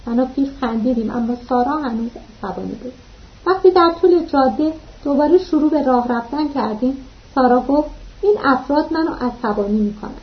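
A woman narrating a novel as an audiobook, in a steady, even reading manner, in a dull lo-fi recording. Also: high voice.

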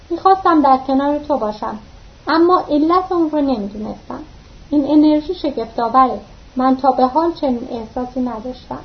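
A woman narrating a novel aloud, reading steadily and voicing the dialogue lightly, with occasional slips and restarts. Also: sits high. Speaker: audiobook narrator. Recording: dull lo-fi recording.

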